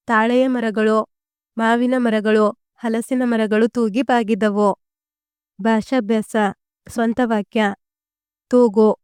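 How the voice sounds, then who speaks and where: A woman reading out school study notes slowly and deliberately, as a teacher dictating answers. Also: a little high, darkish tone, smooth, dry recording, clean studio sound. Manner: slow, deliberate, evenly paced reading.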